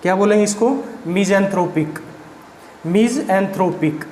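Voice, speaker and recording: High-voiced man spelling out vocabulary. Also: a little slow, a little mellow. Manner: spells words letter by letter, asks and answers his own questions. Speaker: vocabulary teacher. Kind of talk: classroom vocabulary lesson. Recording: echoey room with faint background noise.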